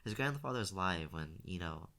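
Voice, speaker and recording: A man voicing a quiet, reluctant young man who speaks hesitantly. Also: low-pitched, animated, full character voice. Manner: hesitant, halting.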